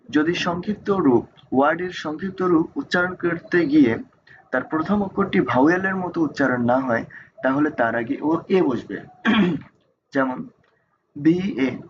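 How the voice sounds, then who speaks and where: Male tutor, unhurried with many pauses, slightly raised pitch, muffled low-fi recording. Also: a little hiss or hum. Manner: slow, deliberate, pauses with fillers. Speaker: English grammar teacher. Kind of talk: slow explanatory lesson. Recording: dull lo-fi recording with faint ambience.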